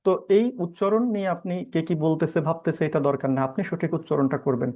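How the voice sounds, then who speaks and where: A man's voice: a little high, steady tone, brisk, mellow. A man with a Bangladeshi accent giving a law lecture, explaining step by step, asking questions and answering them, with English terms mixed in. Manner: explanatory, asks and answers his own questions; mixes English legal terms into speech. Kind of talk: classroom-style lecture.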